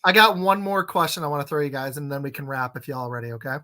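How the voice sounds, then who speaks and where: A man's voice: on the high side, fairly even intonation, fast, bright, forceful tone. Rambling man hosting a sports chat. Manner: rambling, many fillers and restarts. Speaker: podcast host.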